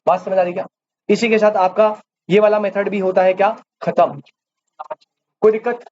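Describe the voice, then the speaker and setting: Man teacher, very high voice, a quizzing, repetitive classroom lecture style. Dull recording with faint hiss. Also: fairly even intonation, normal speed. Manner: quizzes students, repeats key terms, calls them "beta". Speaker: commerce teacher. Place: classroom with students.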